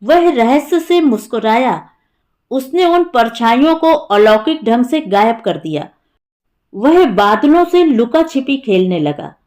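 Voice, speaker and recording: A woman narrating a Hindi short story in a calm, measured storytelling manner, lightly voicing the characters. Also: on the high side.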